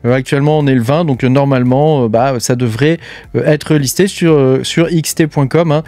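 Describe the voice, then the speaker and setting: A man's voice: mid-range voice, normal speed, darkish tone, dry recording. A man hosting a casual news roundup for his channel, chatty and full of filler words and hesitations. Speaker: crypto mining channel host.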